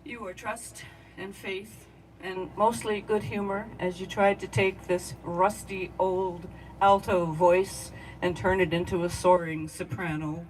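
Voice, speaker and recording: A woman giving a memorial eulogy at an outdoor gathering, speaking straight to her departed friend with heartfelt warmth. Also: on the low side, little pitch movement, a little slow. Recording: distant mic with outdoor noise.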